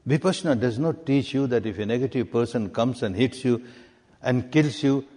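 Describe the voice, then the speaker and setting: A man from Myanmar, a meditation teacher answering questions in a deliberate way and repeating key words for emphasis. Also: mid-range voice, mellow. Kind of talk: answering questions in a spiritual talk. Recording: long reverb of a hall.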